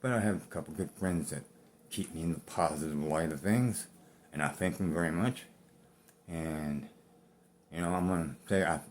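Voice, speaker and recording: Deep-voiced man, blunt and winded. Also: a little mellow, a little hiss or hum. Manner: blunt, profane, rambling. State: out of breath. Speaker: vlogger. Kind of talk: personal talk to camera.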